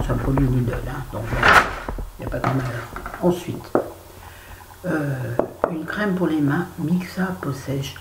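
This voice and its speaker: A middle-aged woman chatting casually through her used-up beauty products, playfully putting on a southern French accent. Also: low-pitched. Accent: southern French, put on. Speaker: beauty vlogger. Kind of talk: casual empties review. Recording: echoey room with faint noise.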